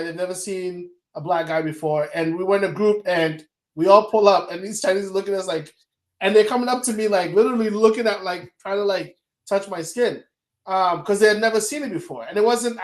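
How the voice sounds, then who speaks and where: A man from Ghana with a high voice tells stories in a relaxed podcast chat. His voice bounces around a reverberant room. He talks with animated energy. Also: a little fast. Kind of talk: casual conversation.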